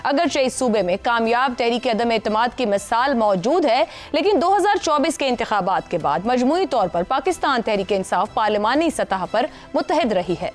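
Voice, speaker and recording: A woman's voice: fairly high pitch, animated, normal speed, few pauses, soft background music. A woman hosting a political talk show, reading a formal scripted introduction and then putting questions to her panel. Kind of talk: news talk show anchor.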